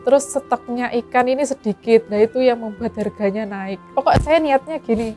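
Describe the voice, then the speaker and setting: Young woman, Javanese accent, earnest, devout storyteller, warm, slightly high voice. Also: moderate pace, faint music behind. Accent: Javanese (East Java). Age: young adult. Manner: devout, earnest, mixes in local Javanese words. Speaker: interviewee, teacher and fish farmer. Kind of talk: heartfelt personal storytelling.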